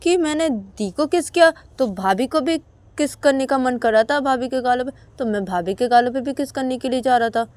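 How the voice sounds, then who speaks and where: Playful kid brother, played by a woman: high, dry-sounding, pleads and stammers to explain himself. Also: moderate pace, darkish tone, no echo, natural voice. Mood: pleading. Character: teasing playful younger brother, young man.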